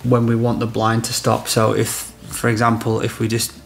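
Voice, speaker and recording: A man's voice: medium pitch, monotone, moderate pace, creaky. A man in his thirties, an electrician, talking through a job step by step while demonstrating in a house. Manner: practical, explaining step by step. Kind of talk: on-site product demonstration. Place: house interior, small room.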